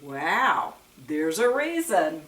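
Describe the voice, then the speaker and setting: Very slowly, in a fairly low but slightly bright voice that rises and falls widely, a storyteller and Bible teacher reads to young children. She speaks in a sing-song manner and poses questions to them. The distant microphone captures plenty of room echo.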